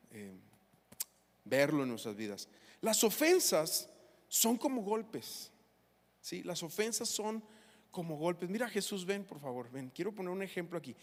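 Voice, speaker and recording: A man, a pastor preaching a sermon and telling personal stories in an animated, emotional way. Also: high-pitched. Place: church hall. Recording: reverberant church hall.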